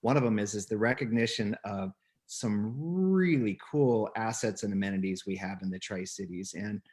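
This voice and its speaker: An upbeat man talking as a guest on a casual video call, enthusiastic and quick to laugh, often repeating words. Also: on the low side, darkish tone.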